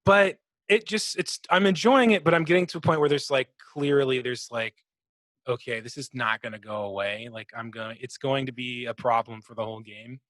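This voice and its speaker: Fairly quick and fairly bright, a medium-pitched man chats loosely about games as one of a podcast's co-hosts. Swearing comes easily to him, as does mimicking sound effects, all captured in a dry recording.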